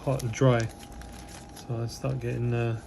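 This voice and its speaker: Unhurried and relaxed, a man whose voice is going a little hoarse rambles through unboxing a model kit, filling his talk with plenty of fillers. His pitch is ordinary, and a faint hiss of background noise sits beneath the recording.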